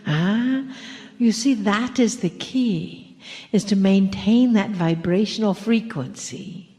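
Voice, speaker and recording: A woman giving a channeled spiritual talk to a gathering in a deliberate manner. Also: medium pitch, warm tone. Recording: long hall reverb.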